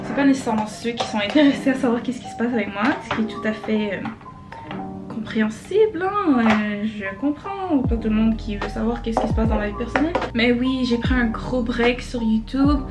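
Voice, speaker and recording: Over background music, a young Québécois woman from Quebec, Canada, talks briskly through a makeup tutorial as a beauty vlogger. Her slightly high voice is chatty and full of hesitations, and she mixes English words into her French.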